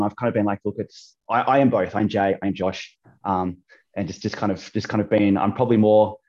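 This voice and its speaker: Over a call, a thirty-something Australian podcast guest talks casually, stumbling through many fillers, ums, and restarts. He has a lowish voice with a darkish tone, and the audio sounds dull.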